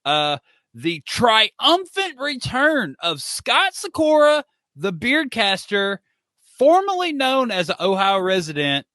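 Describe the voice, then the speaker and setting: A man hosts a casual podcast in a high, lively voice that swings up and down. He is teasing and exclamatory, with a bright, forceful tone and a close, dry sound. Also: slow, no room sound. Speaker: podcast host. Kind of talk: casual, joking podcast chat.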